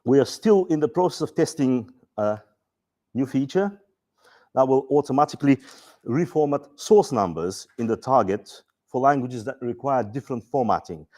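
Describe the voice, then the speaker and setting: A Bulgarian-accented man presents software features at a conference in a relaxed, dryly humorous way, with frequent fillers and restarts. His voice is mid-range and his speed normal.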